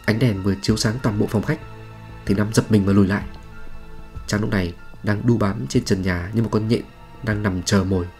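A man with a fairly low voice narrates a horror story in a dramatic, suspenseful way. Faint music plays underneath his scripted storytelling. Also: steady tone, fairly quick, a little mellow.

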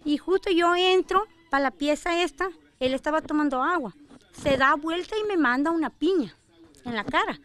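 High-voiced woman recounting distress. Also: animated, fairly bright tone. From Argentina. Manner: halting, emotional retelling with restarts. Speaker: interviewee, assault victim. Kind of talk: tearful news testimony. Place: at her own home.

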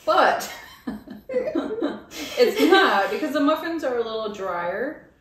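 A woman co-hosting a home cooking show, chatting casually about a recipe, bubbly and quick to laugh, recorded in a kitchen. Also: high voice, big pitch swings, a bit bright. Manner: bubbly, laughs often, playful. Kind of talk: casual cooking demo chat. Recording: very echoey room, mic far off.

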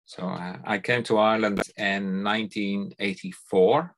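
A middle-aged Dutchman with a fairly low, steady voice and a Dutch accent appears as an interview guest on a video call from his home study, lined with bookshelves. He speaks thoughtfully and without hurry in a conversational way, repeating words as he begins sentences.

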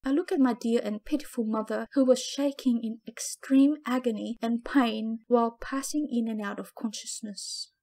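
Woman with a raised, higher voice narrating an audiobook. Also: steady tone, moderate pace, few pauses, mellow. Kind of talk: first-person audiobook narration.

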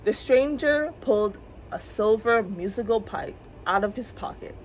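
A woman storyteller for children's story time, expressive and clear, with a mid-range voice and a faint hum behind her. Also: mid-range voice, a little slow, low-quality recording. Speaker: librarian storyteller. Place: public library.

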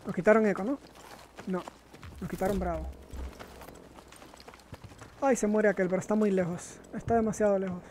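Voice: medium pitch, normal speed, pauses often. A gamer giving live commentary while playing a shooter, talking to themself and breaking into frustrated exclamations. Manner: excitable, talks to self, exclaims in frustration. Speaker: gamer streaming a shooter game. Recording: gameplay noise mixed under voice. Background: gunfire and game sounds.

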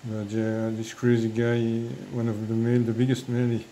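A man's voice: medium pitch, monotone, moderate pace, dark tone, slight background noise, rough recording. A man with a French accent talking casually about his fish breeding, hesitant and full of fillers and restarts. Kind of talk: casual hobby vlog.

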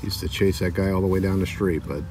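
Seated at a lakeside table outdoors while the wind gusts, a low-voiced, middle-aged vlogger who collects diecast cars chats easily about his latest finds and reads the backs of the cards out loud. The camera mic is a little far off and picks up plenty of wind noise.

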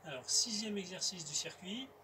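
A man's voice: high voice, animated, normal speed. Middle-aged male coach, informal and a little hesitant, explaining exercises outdoors; off-mic, with noticeable noise. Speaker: fitness coach. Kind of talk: workout instruction, explaining and counting reps. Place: outdoor garden terrace. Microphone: distant camera. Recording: outdoors from far off, noisy.

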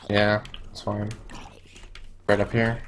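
Young male gamer, slightly low voice, terse callouts, noisy background. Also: monotone, slow pace. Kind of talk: casual gaming chat.

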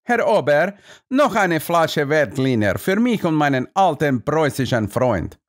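Ein Mann spielt einen beschwipsten, singenden Grafen. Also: male voice, a little high, wildly swooping pitch, slow pace, voice pushed up, heavily acted. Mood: beschwipst, fröhlich. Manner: singend, lallend, verspielt. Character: angetrunkener, fröhlicher ungarischer Graf, singender Tonfall.

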